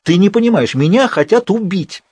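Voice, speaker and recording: A man reading an audiobook and voicing a tearful, foolish provincial woman hairdresser in a high, wailing voice. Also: big pitch swings, unhurried, no room sound, heavily acted. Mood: agitated. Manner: shrill, sobbing, pleading.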